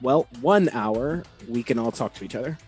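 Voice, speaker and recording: A man's voice: mid-range voice, lively intonation, moderate pace, over music. A man playing a tabletop game, hesitant and giggly as he asks questions. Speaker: player.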